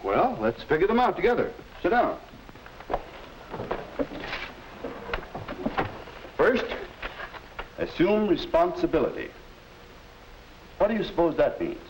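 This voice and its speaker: In the role of a kind, instructive middle-aged teacher from a 1950s educational film, a man advises a student with the measured, didactic delivery of a period narrator. His voice sits high with big pitch swings and an encouraging mood. It comes through on a hissy, old 1950s film soundtrack.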